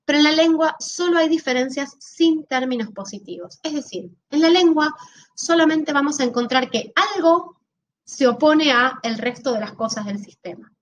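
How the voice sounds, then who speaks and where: A woman's voice: high voice, expressive, normal speed, highs cut off, slight background noise. A woman giving a recorded lecture, explaining step by step and often checking in with her listeners. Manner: explanatory, checks in with frequent rhetorical questions. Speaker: teacher.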